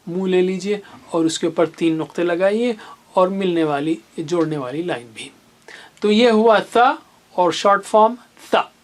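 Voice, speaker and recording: A teacher giving a recorded reading lesson, who talks slowly and patiently and carefully repeats each Arabic letter sound for the learner. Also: medium pitch. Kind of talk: recorded lesson with memory stories.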